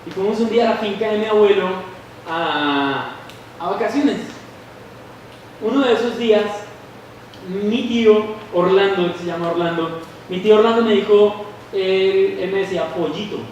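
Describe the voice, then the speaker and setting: A young man with a Colombian Spanish accent preaching a sermon, animated, acting out the voices of people in his stories. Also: high voice, moderate pace, lo-fi sound, a little hiss or hum. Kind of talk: sermon with storytelling. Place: church hall. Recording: echoey hall from far off.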